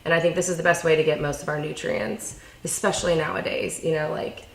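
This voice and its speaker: A woman's voice: low-pitched, flat delivery, quick pace, echoey room, rough recording. A young woman chatting casually at home while eating, rambling and self-deprecating with lots of fillers. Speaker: vlogger. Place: home kitchen.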